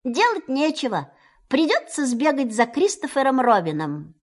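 A woman's voice: sits high, wildly swooping pitch, moderate pace, pitched above the performer's own voice, full character voice. A woman voicing a clever, prim male rabbit who speaks politely but sternly.

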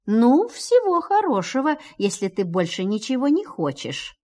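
A woman's voice: on the high side, very animated, measured pace, warm tone, voice pushed up. A woman voicing a clever, prim male rabbit who speaks politely but sternly.

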